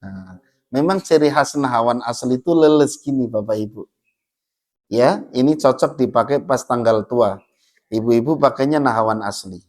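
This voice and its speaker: A male recitation teacher in a mosque. He switches between quick explanations and slow chanted verses, and he coaxes the congregation to chant along with him. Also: mid-range voice, darkish tone. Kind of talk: teaching melodic Quran recitation.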